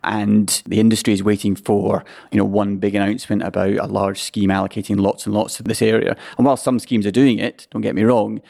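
A man's voice: on the low side, flat delivery, brisk, vocal fry, few pauses, warm tone. A man co-hosting a podcast in a casual, conversational style. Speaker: podcast co-host.

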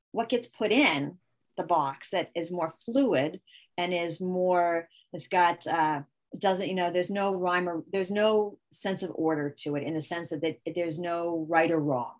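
In a casual interview, an adult parenting expert with a lowish voice talks a little slowly about her methods as a mother. She works through ideas with many restarts, voicing sample phrases she would use with a child.

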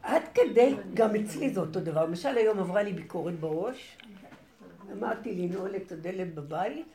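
A woman's voice: medium pitch, expressive, mellow, reverberant, faint music behind. A woman in a group discussion, telling personal anecdotes expressively and laughing as she talks. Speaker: participant in a women's study group. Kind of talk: animated storytelling in group discussion.

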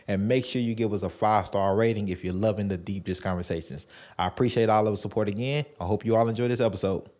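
A man's voice: lowish voice, fairly even intonation, fast, darkish tone, slight background noise. A man hosting a podcast, talking in a loose, chatty way, full of fillers and restarts. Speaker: podcast host. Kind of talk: casual interview chat.

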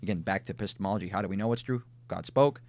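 A man's voice: sits low, racing, a little mellow, no room sound. Man with a Minnesota accent explaining. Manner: explanatory, thinks aloud with restarts and lists. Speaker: podcast co-host. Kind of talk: casual conversational podcast discussion.

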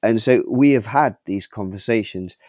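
A man's voice: on the low side, normal speed, darkish tone, no room sound, highs cut off. A middle-aged father talking earnestly and reflectively in a casual podcast chat. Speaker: co-host, father.

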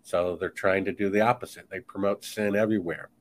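A man's voice: deep voice, steady tone, fairly quick. A man speaking as a guest author in a podcast conversation, talking in an emphatic, insistent, preachy way.

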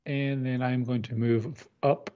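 A man's voice: mid-range voice, level tone, measured pace, mellow, lo-fi sound. A man playing a tabletop game, chatting casually and playfully. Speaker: player.

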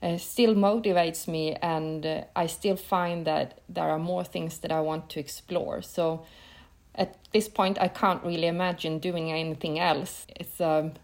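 A woman's voice: on the low side, fairly even intonation, measured pace, darkish tone. A woman in her fifties from northern Sweden, a Swedish native speaker answering questions as a professor in a podcast interview, careful and earnest with slightly non-native phrasing. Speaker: guest, professor of entrepreneurship.

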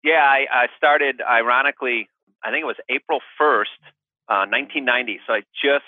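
A man's voice: mid-range voice, fairly quick, dry recording. A middle-aged man chatting casually as an interview guest over a thin, phone-like connection. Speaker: podcast guest, mortgage professional.

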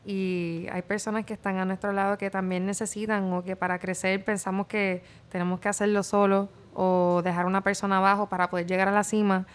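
A woman with a Puerto Rican accent talks in conversational Spanglish. Her voice sits at a medium pitch, and she tells her story by acting out bits of dialogue, slipping English words into the Spanish. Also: fairly quick, hardly any pauses, clear, resonant tone. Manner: animated storytelling, acts out quoted dialogue. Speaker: pageant contestant interviewee. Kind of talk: conversational interview answer.

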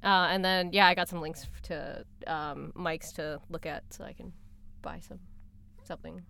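A woman's voice: fairly low pitch, fairly even intonation, normal speed, creaky, sharp tone, slight background noise. A woman co-hosting a podcast, chatting casually into a studio microphone in a library, with lots of restarts and laughs. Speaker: podcast co-host. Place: library recording room.

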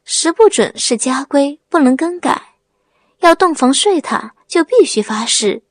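A woman putting on a shrill, bossy young bride. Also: very animated, measured pace, no room sound, full character voice. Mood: scornful. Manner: scornful, shrieking.

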